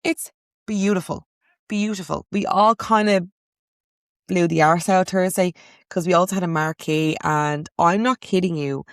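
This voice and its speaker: A young Irish woman hosting a casual podcast, telling stories in a chatty way with quick asides and animated outbursts. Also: on the low side, no echo, studio quality. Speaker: podcast host. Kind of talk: casual chat.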